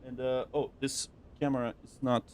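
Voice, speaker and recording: Young guy streaming flight sim, chatty and upbeat, rambles a lot, mid pitch, bit of hiss behind. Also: flat delivery, normal speed, darkish tone. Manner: chatty, upbeat, rambling with fillers and self-talk. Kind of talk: casual livestream commentary.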